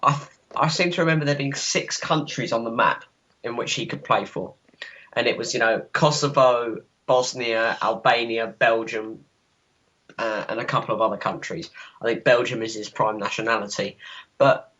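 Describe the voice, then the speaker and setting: A man's voice: medium pitch, normal speed, sharp tone. Hedging man in podcast football debate. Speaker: podcast co-host. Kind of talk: casual football chat. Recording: dull lo-fi sound.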